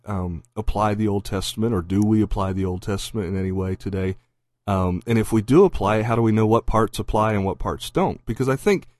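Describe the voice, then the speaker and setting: A man in his forties with a lowish voice and a light Southern accent co-hosts a podcast. He talks in a loose, conversational way, laughing easily and filling pauses with ums. The sound is close and dry. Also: darkish tone, dry recording. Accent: mild Southern US. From Pennsylvania. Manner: laughs often, thinks aloud with ums. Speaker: podcast co-host. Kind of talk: casual chat.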